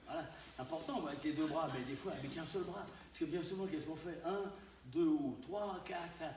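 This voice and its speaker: A karate instructor demonstrating moves to his students with a rather high voice, punctuating every point with an exclamation. He sounds far from the camera. The big training hall echoes heavily around him. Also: normal speed, slight background noise. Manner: animated, punctuates with "hein?" and sudden exclamations. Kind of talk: live dojo teaching demonstration. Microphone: distant camera mic.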